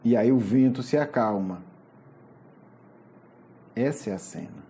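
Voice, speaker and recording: Speaking a little slowly in a mid-range voice, this Brazilian Portuguese-accented spiritist lecturer animatedly narrates a Gospel story. He frequently pauses for questioning asides along the way.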